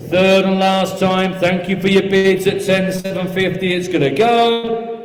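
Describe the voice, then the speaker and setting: High-pitched auctioneer in echoey hall. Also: male voice, level tone, unhurried. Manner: repetitive chanting of bids and figures. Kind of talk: live auction calling. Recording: echoey hall sound with music behind.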